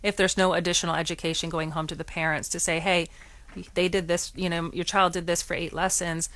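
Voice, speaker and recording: As a radio talk show guest representing a swim lesson nonprofit, a woman speaks a little fast in a lowish, fairly bright voice with little pitch movement. Her call-in explanations are earnest, and she restarts her sentences often.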